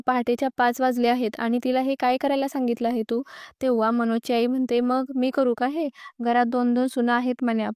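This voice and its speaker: A woman's voice: fairly high pitch, a little mellow, clean tone, no echo, clean studio sound. A woman narrating a recap of a television serial episode, reading every character's lines in her own voice. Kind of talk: read-aloud plot recap narration.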